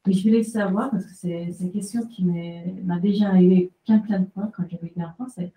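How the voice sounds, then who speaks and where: A woman from Canada asks a long, hesitant question from the audience at a book talk. Her voice is mellow and mid-pitched. She sounds far from the microphone in an echoey room. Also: fairly even intonation, brisk. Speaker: audience member asking a question. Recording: echoey room, distant from the mic.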